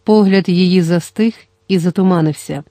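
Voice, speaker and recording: A reader narrating an audiobook in a steady, measured storytelling manner. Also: medium pitch, no room sound.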